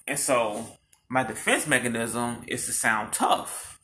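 A man's voice: mid-range voice, a little slow, a little hiss or hum. A man in his thirties co-hosting a casual podcast, telling stories with lots of laughter and swearing. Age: 30s. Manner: animated storytelling, laughs often, swears freely. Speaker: podcast co-host. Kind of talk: casual couple chat.

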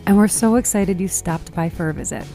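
A woman's voice: medium pitch, brisk, dark tone, soft background music. A young woman with an American Midwestern accent and a wheezy laugh, co-hosting a podcast in a casual, playful, chatty way. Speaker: podcast co-host.

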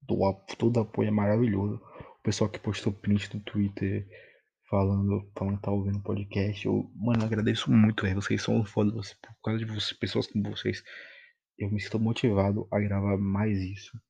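A man's voice: fairly low pitch, level tone, fairly quick, vocal fry, mellow, slightly rough. A young Brazilian man from Bahia rambling casually as a solo podcast host, in heavy informal street slang with some swearing. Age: young adult.

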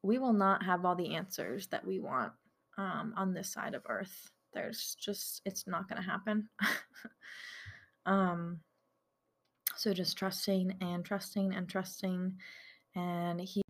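A woman's voice: lowish voice, slow pace, long pauses. Earnest young woman sharing faith. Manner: earnest, chatty, many fillers. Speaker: faith vlogger. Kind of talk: casual devotional talk.

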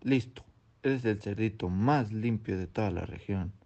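An impatient male fox from a storybook, snapping and demanding, as a man puts him on. The voice jumps up from a low, dark base when he loses patience. The recording sounds dull and lo-fi. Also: a little slow. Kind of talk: storybook reading.

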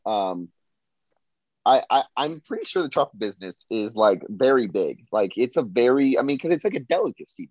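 A man's voice: mid-range voice, a little mellow, slightly rough, no echo, dull audio. A man co-hosting a casual film discussion podcast, rambling with many fillers and restarts. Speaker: podcast co-host.

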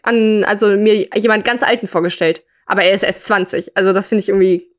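A woman co-hosts a casual podcast chat and sometimes reads a story aloud. Her voice is mid-pitched, and she talks thoughtfully, pausing often with fillers. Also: level tone. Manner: thoughtful, hesitant with many fillers. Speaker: podcast host.

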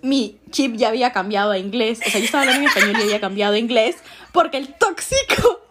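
A woman's voice: on the high side, expressive, fast talker, very noisy. A young woman with a Peruvian Spanish accent, telling a story in casual chat and laughing often.

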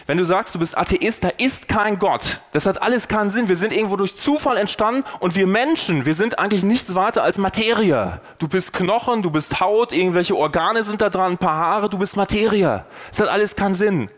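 A man with a fairly high voice preaches on a faith podcast. He talks straight to the listener and keeps asking rhetorical questions. His delivery is earnest and persuasive, and it rises and falls for emphasis. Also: lively intonation, a little fast, few pauses, a bit bright. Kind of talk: sermon-style podcast talk.

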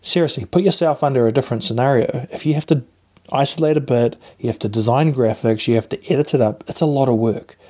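A man gives casual advice as a podcast host, speaking into a lapel mic. His tone is dark and relaxed, and he coaches listeners informally with encouragement. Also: medium pitch, fast talker. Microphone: lapel mic plugged into a phone.

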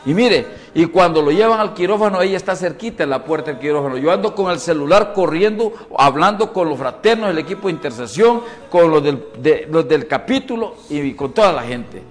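A middle-aged man giving a personal testimony at a men's church event, swinging from loud outbursts to hushed confession. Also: a little high, lively intonation, a little fast, hardly any pauses.

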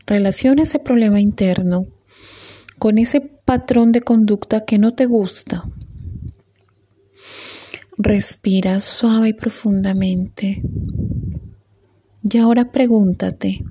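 A woman leading a guided meditation in a soft, calm voice with long pauses. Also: mid-range voice.

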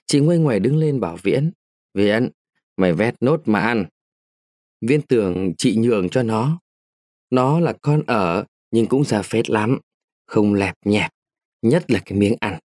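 A man narrating a short story aloud, expressive and shifting his pace with the events. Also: medium pitch, no room sound, studio quality.

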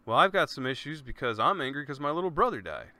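A man's voice: on the high side, very animated, fast, pushed and bright, no room sound. A man hosting his own podcast in a casual, earnest monologue, talking loosely and often saying "man". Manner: laid-back, earnest, peppers speech with "man" and swearing. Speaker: podcast host.

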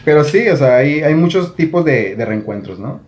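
Hombre mexicano bromista, voz algo aguda. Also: male voice, a little high, moderate pace, reverberant. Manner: joking, animated, mimics people in funny voices. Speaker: podcast host. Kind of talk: casual chat.

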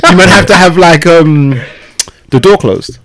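A man's voice: on the high side, a little slow, heavy background noise. A man with a London accent co-hosting a podcast in casual, slangy banter. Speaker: podcast co-host. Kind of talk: casual chat.

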